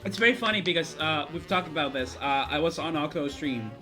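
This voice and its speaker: A young man talks in a high, youthful voice that could pass for a woman's. He rambles passionately and swears freely in a casual gaming chat, with music underneath. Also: expressive, fairly quick, bright, forceful tone. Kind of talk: casual chat about video games. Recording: background music behind the voice.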